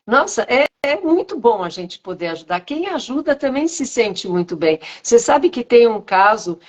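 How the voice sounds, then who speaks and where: A woman guest, a speech therapist, chatting on a video call and telling stories with animated, shifting intonation. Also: on the high side, normal speed. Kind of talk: casual video-call conversation.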